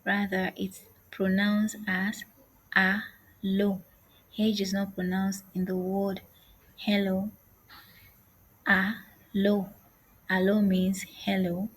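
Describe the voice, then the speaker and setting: A woman teaching an online language lesson, speaking slowly and carefully and saying each phrase twice. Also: mid-range voice, flat delivery, slightly rough, low-quality recording.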